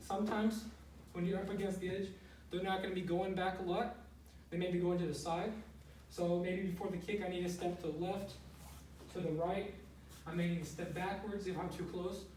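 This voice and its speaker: In this informal martial arts demonstration, a man with a high, slightly mellow voice walks through each step in plain language. He explains as he goes and often checks in by saying "okay." The recording sounds roomy and noisy, with the mic placed far away.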